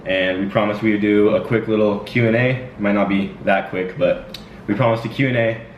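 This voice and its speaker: A man's voice: fairly low pitch, fairly even intonation, fairly quick, slight background noise. A twenty-year-old man hosting a casual Q&A at home, talking in a laid-back, rambling way with lots of fillers. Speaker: channel host. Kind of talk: casual Q&A chat. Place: indoors at home. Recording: echoey room, distant dull mic.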